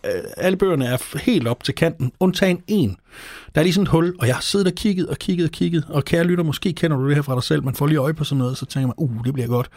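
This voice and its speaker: A man's voice: on the high side, a little mellow, dry recording, studio quality. A man from Denmark hosting a podcast, chatting with playful, ranting exaggeration. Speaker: podcast host. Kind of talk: comedic casual chat.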